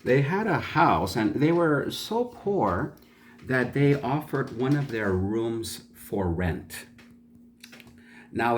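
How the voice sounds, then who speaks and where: Slow, lively-voiced man telling a folk tale. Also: medium pitch, a little hiss or hum. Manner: chatty, asks the listeners questions and explains words. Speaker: storyteller. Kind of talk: told folk tale for learners.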